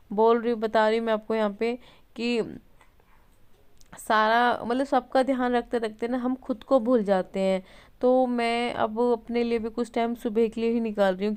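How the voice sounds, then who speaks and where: Young mom rambling on in a home vlog, smooth clear voice, lots of fillers and restarts. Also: female voice, on the high side, a little mellow. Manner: chatty, rambling, frequent fillers and self-corrections. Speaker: vlogger and mother. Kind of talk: casual home vlog chat. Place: home, indoors at night.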